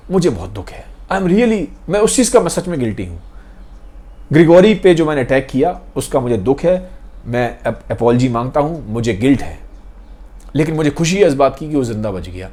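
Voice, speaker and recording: A man's voice: fairly high pitch, a little mellow, close to an everyday voice. A man voicing a desperate young man who insists he is innocent, pleading and repeating his denials.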